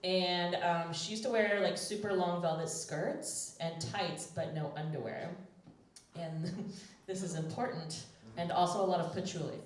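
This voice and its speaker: A woman's voice: lowish voice, steady tone, a little slow. A woman hosting a live storytelling show, chatty and laughing often as she tells a story with lots of fillers. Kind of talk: casual personal storytelling on stage. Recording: very roomy, voice from far off.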